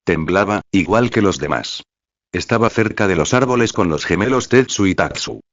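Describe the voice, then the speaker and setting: A man narrating a fan-fiction novel in the first person, in a steady read-aloud manner. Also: sits low, moderate pace, no room sound. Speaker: novel reader. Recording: dry, slightly dull recording.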